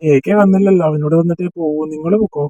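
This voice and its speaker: A man's voice: a little high, steady tone, very fast, warm tone, no echo, lo-fi sound, natural voice. Man voicing a teasing college senior. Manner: bantering, mock-scolding. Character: teasing young male college senior, joking with friends. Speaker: fan dub voice actor. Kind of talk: amateur dubbed romance drama.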